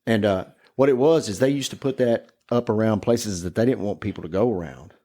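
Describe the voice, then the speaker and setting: On a podcast, a man swaps ghost stories casually, wandering off on tangents, swearing freely and laughing as he talks. He speaks fairly quickly in a lowish, warm voice.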